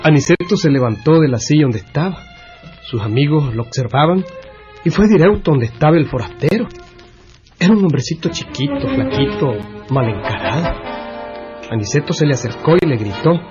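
A man's voice: a little high, sing-song, normal speed. A man narrating a comic radio story in a folksy, amused manner, ending with a moral. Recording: dull lo-fi radio recording with music.

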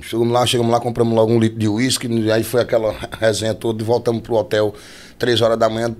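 On the low side and quick, this man's voice belongs to a Northeastern Brazilian forró singer appearing as a podcast guest. He spins casual behind-the-scenes stories with animation, acting out the voices of the people in them, in his regional accent.

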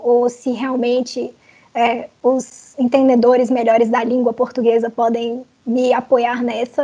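A woman panelist with a high, breathy voice. She builds her argument step by step and hedges as she goes. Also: warm tone, muffled recording. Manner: reasoned, deliberate, hedging. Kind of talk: casual panel discussion.

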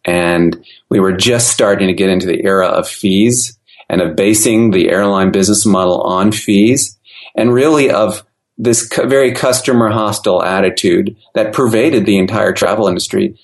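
A man who grew up in Austria and Germany, talking casually and reflectively as a podcast interview guest. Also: on the low side. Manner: reflective, loose, with many fillers and restarts. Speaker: podcast guest, travel consumer advocate.

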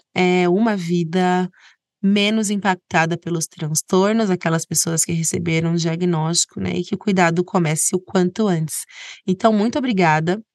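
A woman's voice: on the low side, no room sound, clean studio sound. A woman with a Brazilian accent hosting a podcast in an informal, chatty and conversational way. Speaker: podcast host.

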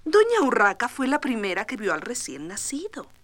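A woman narrating a children's storybook record, expressive and tender. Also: fairly high pitch, moderate pace, dry recording.

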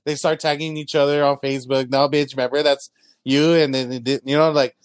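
A young man from San Antonio, telling stories in a casual chat, full of fillers and quick voices of people he mimics. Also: no room sound. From San Antonio, Texas. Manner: animated storyteller, many fillers, quick high-pitched mimicry of others. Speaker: guest, comedy creator.

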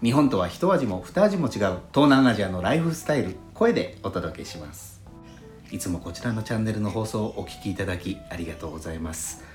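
Brisk and expressive, his fairly low voice carries a male podcast host's polite chat as he reads letters sent in by listeners, phrased formally and courteously. The room echoes noticeably, and soft lo-fi flute jazz plays faintly.

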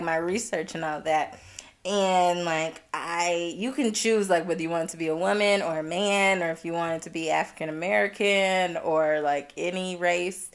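A young woman co-hosting a podcast, telling a personal story in a casual, animated way and acting out what other people said. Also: fairly low pitch. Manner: animated, laughing, quoting others in exaggerated voices. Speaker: podcast co-host.

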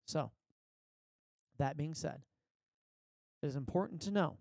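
A man's voice: a little high, unhurried, gravelly, a little mellow, no room sound, studio quality. A man giving an informal Bible teaching, reading scripture and exhorting earnestly in an off-the-cuff way, recorded in a basement. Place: basement of a house.

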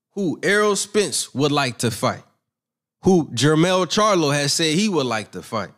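His voice is high and fairly bright. As the brash young host of a boxing channel, he offers a loose, profane, self-assured monologue of opinions.

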